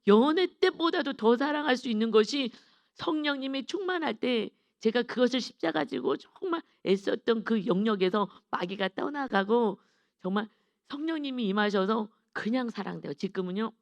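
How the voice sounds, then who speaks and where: A woman's voice: on the high side, expressive, normal speed, dry recording. A middle-aged woman pastor giving an earnest, confessional dawn sermon with emphatic stresses.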